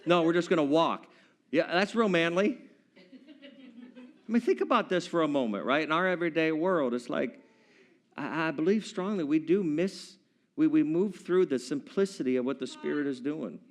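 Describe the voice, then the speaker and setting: Guy preaching in church, pretty high voice, jokey, does little voices and sings bits. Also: animated, moderate pace. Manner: playful, acts out scenes in character voices and breaks into song. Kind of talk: sermon.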